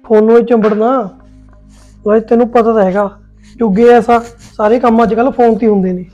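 In a Punjabi family sketch, a man plays an easygoing young husband in a joint family, calmly placating both his wife and his sister-in-law to keep the peace. His voice is very high-pitched and steady, his delivery brisk, and the audio dull, with soft background music.

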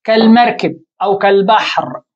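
A woman teaching a lesson, asking herself questions and answering them, with halting restarts. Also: mid-range voice, darkish tone, lo-fi sound. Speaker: Arabic grammar teacher. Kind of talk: explaining a lesson.

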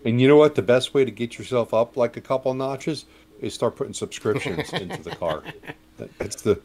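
A man's voice: mid-range voice, brisk, darkish tone. A man co-hosting a casual news chat show, with dry, teasing remarks. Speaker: podcast co-host.

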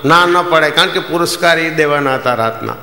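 A male stand-up comedian with a bright, forceful voice and a Kathiawadi Gujarati accent. He tells folksy stories and acts out the dialogue as he goes. The recording has a roomy, long hall reverb from a live stage. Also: on the high side, a little fast. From Jamnagar, Gujarat. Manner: folksy storytelling, acting out dialogue. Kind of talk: stand-up joke telling.

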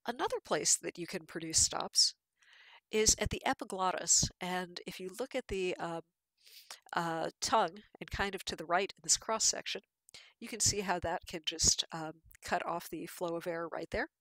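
A woman's voice: lowish voice, normal speed, a bit bright, no echo. A woman giving a patient, explanatory lecture with slides, with fillers and restarts.

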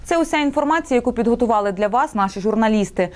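Brisk woman news anchor over music. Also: a little high, lively intonation. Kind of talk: scripted news narration.

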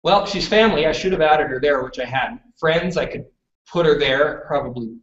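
A man from western Canada gives a live workshop presentation, chatty and conversational, often pausing to check in with "okay?". His voice sits a little high for a man. It comes from away from the microphone in a roomy hall, with a dull, muffled sound. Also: a bit bright. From British Columbia, Canada. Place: presentation room with audience. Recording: roomy, distant, dull room recording.

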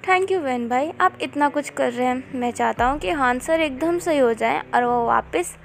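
Storybook role: a friendly, grateful young assistant read by a woman, high-pitched. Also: moderate pace, vocal fry, a bit bright, slight background noise, exaggerated voice. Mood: cheerful.

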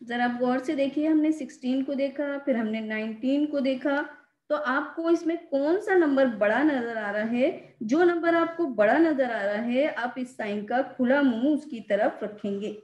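A woman's voice: sits high, measured pace, a little mellow, echoey room. A woman teacher explaining a children's math lesson patiently, repeating and stressing the key words.

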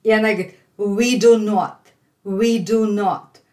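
A middle-aged woman with a Russian accent teaches English by explaining a phone call line by line. She speaks slowly, repeating phrases emphatically for learners, at a medium pitch with a steady, darkish tone.

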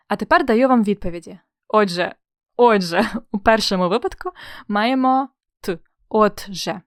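A woman's voice: mid-range voice, no room sound. Young woman teaching spelling, dry sound. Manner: friendly explaining, playful comparisons, rhetorical questions. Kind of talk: exam-prep spelling lesson.

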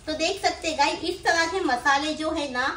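A middle-aged woman with a Mumbai accent chats casually as a vlogger about a grocery haul, seated on the floor of a small indoor room. Her voice is high-pitched and a bit bright at a moderate pace, and she explains things while tagging phrases with little questions. A nearby person holds the phone recording her, which picks up roomy echo and faint background noise.

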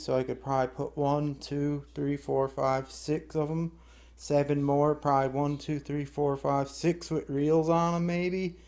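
A middle-aged man's voice, a little high with a darkish tone, carries a casual, folksy product demonstration for his hobby vlog. He speaks informally and plainly while working hands-on in a small indoor room at home. The distant camera mic, a few metres away, captures a very echoey room and faint noise.

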